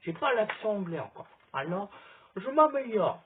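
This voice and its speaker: His voice high, unhurried and slightly rough, a man films himself outdoors in sunlight on his phone, rambling casually through chatty recommendations. The phone camera leaves the audio thin.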